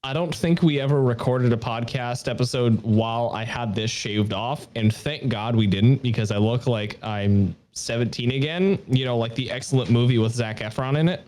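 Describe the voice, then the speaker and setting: A man's voice: mid-range voice, moderate pace, few pauses, a little mellow. A young man co-hosting a casual podcast chat, joking, swearing and laughing often. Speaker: podcast co-host.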